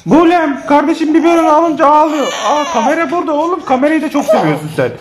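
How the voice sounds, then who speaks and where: A man's voice: very high-pitched, lively intonation, fast talker, background noise. A man talking to viewers in a casual family vlog, playful and often laughing. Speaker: family vlogger.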